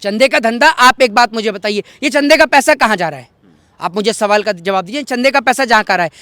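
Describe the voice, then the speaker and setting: Impassioned high-pitched Indian man. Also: fairly quick, bright, forceful tone, smooth, no echo. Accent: Hindi, north Indian. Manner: impassioned, rhetorical, repeats questions for emphasis. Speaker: interviewee. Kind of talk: heated political interview.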